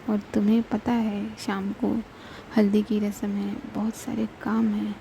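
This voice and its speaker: A woman narrator puts on a young woman who hurries and snaps yet cares deeply. The voice is mellow and dark, with a gravelly rasp and little rise or fall. It sounds like a home-recorded storybook reading. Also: little pitch movement, slight background noise, close to an everyday voice, low-quality recording. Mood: coaxing. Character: young woman, brisk and impatient but tender.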